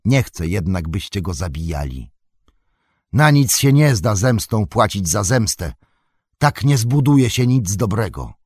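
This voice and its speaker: A man voicing a young male hobbit who is calm, firm and merciful, speaking earnestly in an audiobook reading. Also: lowish voice, measured pace, breathy edge, no echo, pitched above the performer's own voice, heavily acted. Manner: earnest and commanding, raised voice.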